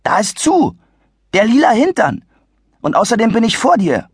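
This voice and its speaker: A man's voice: sits high, lively intonation, moderate pace, slightly rough, no echo, studio quality, voice pushed up, exaggerated voice. A man voicing a cheeky, stubborn young boy in a children's audiobook, pushy and grumpy.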